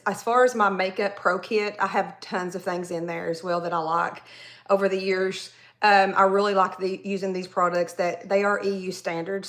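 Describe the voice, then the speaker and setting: A Southern woman in her forties with a voice of middling pitch hosts a casual makeup livestream. She rambles in a friendly way and keeps talking straight to her viewers as she works. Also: a bit bright. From Tennessee, US. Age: 40s. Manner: chatty, rambling, addresses viewers directly. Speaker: makeup artist livestream host.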